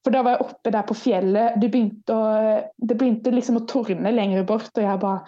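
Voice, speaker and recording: A woman's voice: a little high, steady tone, warm tone. A young woman guest telling stories in a casual interview, acting out her own past remarks, heard over a video call from a student room. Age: young adult. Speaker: guest ultrarunner. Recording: dull lo-fi video call audio.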